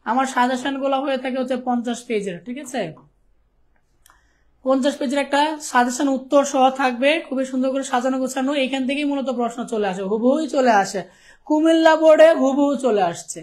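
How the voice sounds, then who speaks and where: A man's voice: very high-pitched, brisk, a little mellow. A young man from Bangladesh teaching a live online class, chatty and teasing his students, often checking "okay?". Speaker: ICT teacher.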